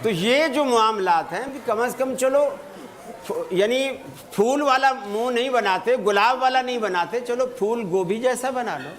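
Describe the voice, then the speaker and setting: A man giving a religious talk to an audience, telling stories with light humor and reciting Arabic phrases slowly. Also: very high-pitched, slight background noise. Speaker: Islamic preacher.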